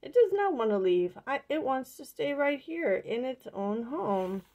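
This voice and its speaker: A woman's voice: high voice, big pitch swings, unhurried, voice pushed up. A woman doing a flustered old farm wife. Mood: worried. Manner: exclaiming loudly in mild oaths. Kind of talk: reading a picture book aloud.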